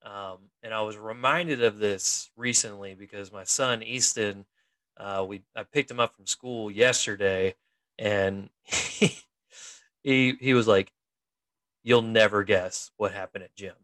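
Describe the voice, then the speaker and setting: Bright, laughing man in casual chat. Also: lowish voice, slow, no echo. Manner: laughs often, chatty with many fillers and restarts. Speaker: co-host, military investigator in the reserves.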